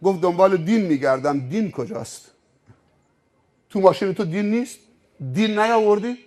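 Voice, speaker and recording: A man's voice: high voice, a little mellow, close to an everyday voice. A man acting out a stern male angel of death who barks orders and coldly lists the man's riches.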